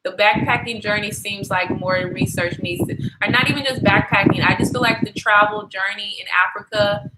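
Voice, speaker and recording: A woman's voice: medium pitch, steady tone, normal speed, heavy background noise. A young woman chatting casually on a travel livestream, slangy and profane, talking straight to her viewers. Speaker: travel vlogger.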